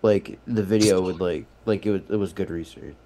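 A man's voice: deep voice, moderate pace, mellow. A man co-hosting a stream, chatting casually and hesitantly, with lots of fillers and restarts. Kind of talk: casual chat.

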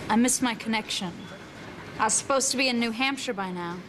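A woman's voice: fairly high pitch, brisk, close to an everyday voice. An actress playing a guarded, dry young college-bound woman in a naturalistic TV film. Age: young adult. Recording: noisy film soundtrack with terminal ambience.

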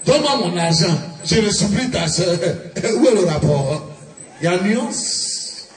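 A man with an Ivorian accent playing a brash, whiny young woman who demands her money in a live comedy sketch, in a high, wailing falsetto. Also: expressive, a little slow. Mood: indignant. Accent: Ivorian French. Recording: echoey live stage, distant mic, audience.

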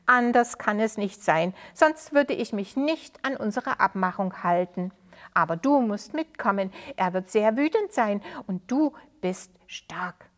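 A woman storyteller puts on a small, frightened but honest boy from a children's storybook, his voice pitched a little high, earnest and pleading as he explains himself to his friend. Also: animated, a little slow, fairly bright tone.

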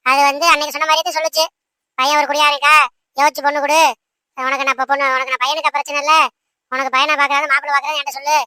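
A protective mother of the house talks back briskly and firmly in this cartoon. Her voice is high and bright and is recorded dry and close. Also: flat delivery, no room sound. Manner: brisk, snappy retorts.

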